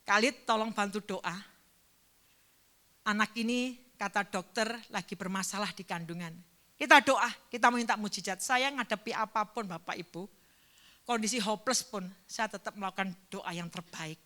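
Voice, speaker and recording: A woman pastor preaching a sermon at a church service, telling a personal story with emotion and swinging between fervent and hushed speech. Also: mid-range voice.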